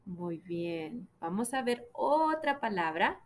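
Very slow, patient woman teacher. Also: mid-range voice, big pitch swings. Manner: slow, drawn-out syllables for children to repeat. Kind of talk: children's phonics lesson.

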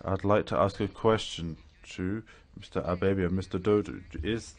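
A man with a very low voice works as a conference interpreter, rendering a speaker's remarks into English. His delivery is measured and halting, full of small pauses and restarts as he keeps pace with the speaker. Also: fairly even intonation.

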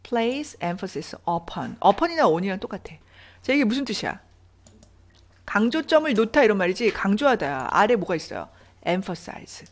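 Lively woman teaching an English lesson. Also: medium pitch, moderate pace. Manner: explains grammar step by step, asking questions to students. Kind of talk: online English reading lesson.

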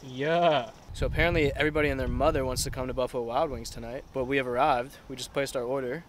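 A man's voice: mid-range voice, fairly even intonation, fast talker, a crowd in the background. Laid-back slangy young man vlogging. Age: 20s. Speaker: fitness vlogger. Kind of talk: casual vlog talk to camera. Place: car, restaurant and home kitchen.

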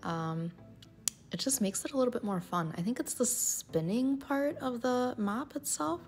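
A woman's voice: a little high, moderate pace, a little mellow, a little hiss or hum. A woman vlogger chatting casually to her viewers in a voice-over about cleaning her home, often calling them "you guys".

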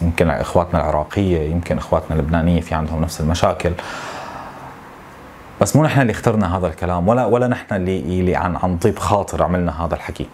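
A man in his thirties with a Syrian Arabic accent, venting to camera in a frustrated, complaining way, with halting repetitions. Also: low voice, darkish tone, slight background noise. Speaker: tech YouTuber. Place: small home office, indoors.

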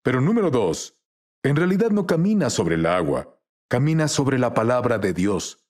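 A man's voice: mid-range voice, very animated, moderate pace, darkish tone. A man as the guest minister in a dubbed interview, telling testimonies earnestly and acting out quoted dialogue.

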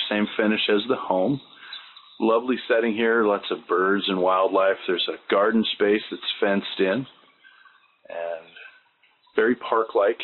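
A man giving a walkthrough tour of a house and its grounds as a real estate agent, talking unhurriedly and plainly with many fillers. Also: lowish voice. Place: walking through a house and its grounds. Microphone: handheld camera mic. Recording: thin phone-like sound with faint noise.

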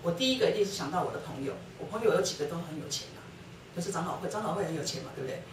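A woman's voice: on the low side, expressive, racing. A middle-aged woman gives a personal testimony talk at a church lecture. She tells her story and acts out the dialogue she quotes. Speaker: guest speaker sharing her testimony with her husband. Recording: roomy hall, distant mic, faint noise.

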